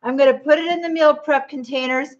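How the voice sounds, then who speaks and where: A grandmother with a high voice chats away on her cooking livestream and talks straight to the viewers. She speaks from her home kitchen. The audio sounds dull and lo-fi. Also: fairly even intonation, quick pace. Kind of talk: casual livestream chat while cooking.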